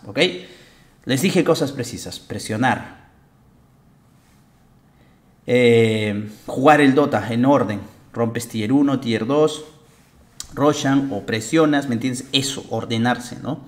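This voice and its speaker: A man's voice: mid-range voice, takes it slowly, long pauses. A young man, a game coach who breaks down a match in casual commentary, blunt, emphatic and full of profanity.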